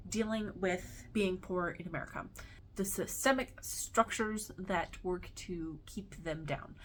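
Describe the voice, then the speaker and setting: A woman's voice: medium pitch, a bit bright, a little hiss or hum. A woman, a teacher, chatting casually and enthusiastically about books she loves, with lots of ums and some swearing. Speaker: book vlogger. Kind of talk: casual book review chat.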